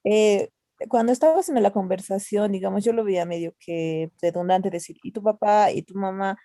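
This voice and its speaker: A woman's voice: medium pitch, a little fast, warm tone, dry recording. Hesitant woman student, dry sound. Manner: hesitant, with fillers. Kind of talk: asking a question in an online class.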